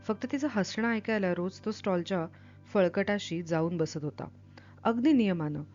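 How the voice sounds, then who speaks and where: A woman reading a novel aloud with expressive, dramatic delivery, then explaining it as a literature teacher. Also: medium pitch, moderate pace, muffled recording, faint music behind.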